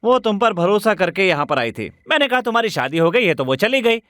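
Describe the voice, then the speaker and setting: A man's voice: sits high, very animated, fairly quick, a bit bright, dry recording, clean studio sound. A man dubbing a fussy, chatty middle-aged neighbour who talks in a fretful, sing-song way. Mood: sympathetic. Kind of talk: Hindi film dubbing.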